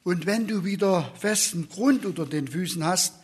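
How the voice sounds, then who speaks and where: Male preacher, slightly higher voice, husky, earnest sermon delivery. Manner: slow, earnest, soft whispered questions.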